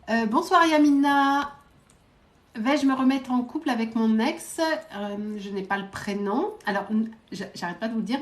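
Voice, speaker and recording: A woman psychic medium giving quick readings to viewers during a live stream, direct and coaxing, often adding little verbal tags. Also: medium pitch, darkish tone, roomy sound. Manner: brisk, direct, coaxing, peppered with "hein" and "euh".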